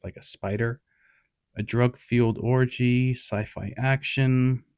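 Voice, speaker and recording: A man's voice: medium pitch, darkish tone, no echo. A man hosting a retro media review, narrating casually with wry, sarcastic asides. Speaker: host.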